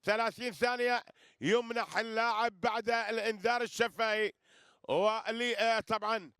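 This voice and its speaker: A man's voice: extremely high pitch, steady tone, normal speed, a bit bright, smooth, dry recording, studio quality. A man giving live wrestling commentary, repeating phrases and addressing listeners with flourishes. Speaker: sports commentator.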